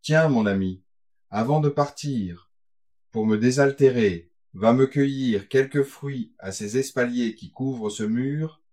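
A man reading a gothic tale aloud, voicing an anxious young woman who pleads gently with her lover. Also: medium pitch, a little slow, close to an everyday voice. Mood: pleading.

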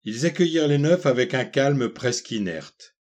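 A man reading a literary story aloud in a measured, deliberate narration. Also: medium pitch, expressive, darkish tone. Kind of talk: scripted audiobook narration.

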